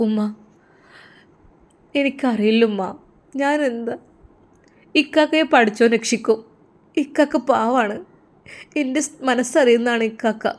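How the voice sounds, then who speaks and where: A woman's voice: on the high side, measured pace, long pauses, a little mellow, natural voice. A woman with a Malappuram Malayalam accent voicing a heartbroken young woman who pleads tearfully. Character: heartbroken young wife, loyal sister.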